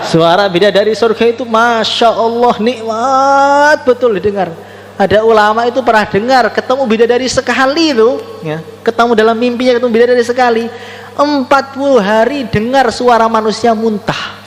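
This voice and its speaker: A man with a Javanese Indonesian accent preaching a storytelling sermon to a congregation, swinging between high exclamations and low murmured asides, and sometimes chanting short devotional phrases. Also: fairly even intonation, fairly quick, in a large hall.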